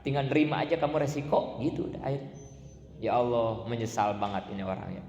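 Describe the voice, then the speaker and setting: A man's voice: medium pitch, expressive, fast talker, a little mellow, dull audio, slight background noise. A man preaching a sermon, acting out the pleading voices of the dead. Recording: echoey hall.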